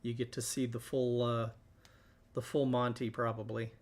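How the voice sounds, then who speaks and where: A man hosting a live painting stream, talking through each step in a relaxed way as he works. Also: mid-range voice, moderate pace. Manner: relaxed, thinking aloud while working. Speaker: host.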